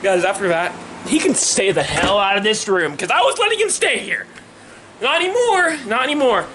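A young man vlogging, shouting in frantic repeated bursts and going hoarse from screaming. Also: high-pitched, huge pitch swings, a little fast, background noise. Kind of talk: prank vlog, yelling.

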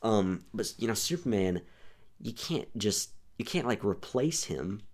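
A man's voice: on the low side, animated, unhurried. A young man hosting a podcast in casual chat, rambling and restarting his sentences often. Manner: rambling, restarts often, says "here's the thing". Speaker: podcast host.

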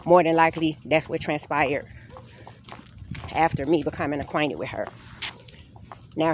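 Her voice sits low as this vlogger strolls city streets, phone camera in hand, giving an earnest, steady personal account of her grievances during a walking tour. Faint street noise can be heard outdoors.

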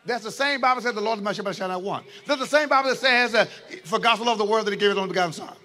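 Preacher man, piercing bright tone, drops low then shouts back at the congregation. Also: racing. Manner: call-and-response preaching, swinging from low asides to shouts. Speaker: bishop preaching. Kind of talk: sermon.

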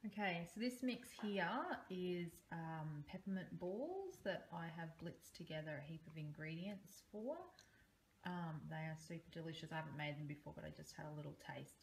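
An Australian woman in her thirties walks through her weekly meal prep in a home kitchen, talking in a chatty, upbeat way with plenty of ums. Her voice sits a touch low. Faint background noise hangs under the phone recording. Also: moderate pace, gravelly. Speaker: vlogger. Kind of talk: casual meal-prep vlog narration. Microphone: phone camera held close.

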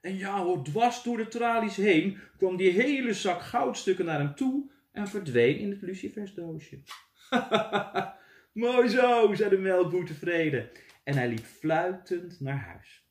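A man, a teacher, reading a fairy tale aloud to children in a lively, playful way. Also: sits high, measured pace. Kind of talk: storybook read-aloud for children. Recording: echoey room.

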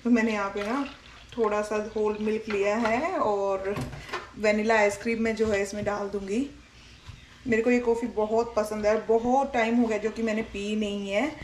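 A woman's voice: mid-range voice, fairly even intonation, normal speed, slight background noise, low-quality recording. A young woman from India chattily explaining each step as she cooks in her home kitchen, talking to her viewers. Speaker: home cooking vlogger and mother. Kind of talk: casual cooking vlog narration to viewers. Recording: kitchen sizzle and stirring sounds.

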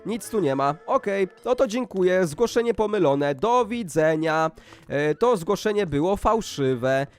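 An excitable man leads a Minecraft role-play for his viewers, his high voice swooping up and down as he exclaims. Faint music plays underneath the whole time. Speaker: gaming YouTuber.

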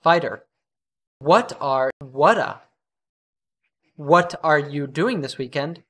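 A man reading English pronunciation examples slowly, each word repeated. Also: a little high, lively intonation, a bit bright. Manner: slow, careful, repeated.

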